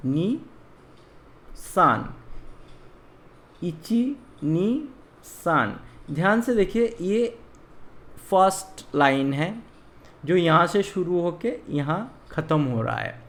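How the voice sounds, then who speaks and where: Slow, lively-voiced language teacher from India. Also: mid-range voice. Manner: explains slowly, counts strokes aloud. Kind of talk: online beginner language lesson.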